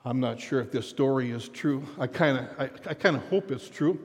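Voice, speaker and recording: A man preaching a sermon as a dramatic story, often dropping to a hushed voice for effect. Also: mid-range voice, fairly quick. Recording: reverberant hall.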